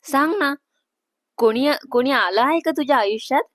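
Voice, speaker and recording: A woman voicing an excitable, prying young woman who teases her elder sister, in a storybook reading. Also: sits high, moderate pace, no room sound, studio quality. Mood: curious. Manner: eager, prying, playfully apologetic.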